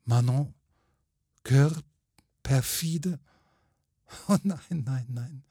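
A man putting on a sorrowful young woman's ghost, high faint pleading voice, husky, storybook tale. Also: drawn-out words, warm tone, dry recording, clean studio sound, heavily acted. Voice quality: faint, sweet, plaintive voice. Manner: pleading, lamenting. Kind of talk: storybook reading.

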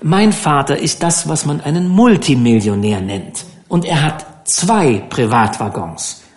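A man's voice: a little high, very animated, unhurried, reverberant. A man voicing a spoiled, haughty rich teenage boy who sounds boastful and indignant in an audiobook.

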